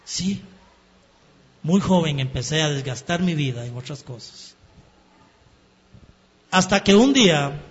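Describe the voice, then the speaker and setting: Guy preaching a testimony, gets worked up and shouty, muffled echoey church sound. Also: a little high. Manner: emotional, rises to shouting at climaxes. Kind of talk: sermon testimony. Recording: dull sound in a reverberant hall.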